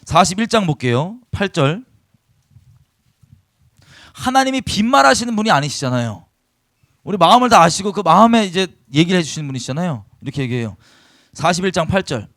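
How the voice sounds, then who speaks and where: A man's voice: sits high, animated, fairly quick, long pauses, a bit bright, no room sound, studio quality. A man giving a sermon-style Bible lesson in a conversational way, asking his listeners rhetorical questions and reading scripture aloud in a formal cadence. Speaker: Bible teacher.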